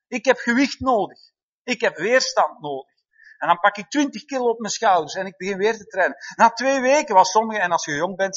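Lively preacher with a high voice. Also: male voice. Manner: lively, calls out "amen" and "hè?" to the congregation. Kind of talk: sermon. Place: church hall before a congregation. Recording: dull, slightly lo-fi sound.

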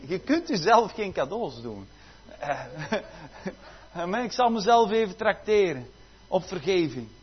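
A man preaching a sermon, swinging from loud exclamations to quiet asides, with frequent hallelujahs. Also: sits high, sing-song, unhurried, long pauses, husky, muffled recording.

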